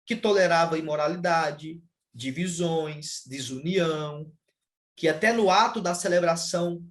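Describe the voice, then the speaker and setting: A man with a slightly high voice talks through church doctrine in a measured, teaching manner. He often pauses on "ah" as he builds each point. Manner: measured, explanatory, with frequent "ah" fillers. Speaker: pastor. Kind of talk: casual theological conversation.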